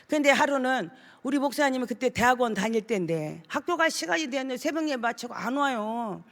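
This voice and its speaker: A woman associate pastor preaching a fervent sermon with a personal testimony, declaring and shouting with emphasis. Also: sits high, expressive, a little fast. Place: church sanctuary. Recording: long reverb of a church hall.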